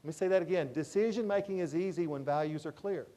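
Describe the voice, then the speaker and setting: A man speaks from a conference stage through a microphone, giving a motivational keynote. He tells stories in an animated way, acts out the dialogue and repeats his key points. His voice sits high for a man. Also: fast.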